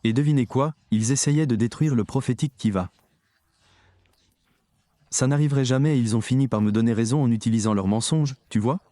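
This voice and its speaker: A man's voice: mid-range voice, brisk, mellow, dry recording. A man preaching a sermon, talking emphatically and straight to his audience. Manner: emphatic, addresses the audience directly.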